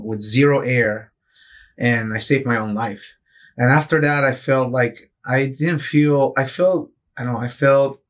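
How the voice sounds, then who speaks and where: A man's voice: medium pitch, a bit bright. A middle-aged man from Peru, a neurosurgeon guest in an interview, explaining things earnestly with frequent restarts. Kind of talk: interview answers.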